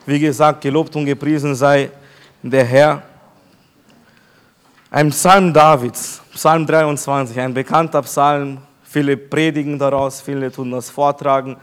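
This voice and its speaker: A pastor preaching an emphatic sermon to his congregation, slowing down to repeat key phrases. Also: mid-range voice, fairly even intonation, clear, resonant tone.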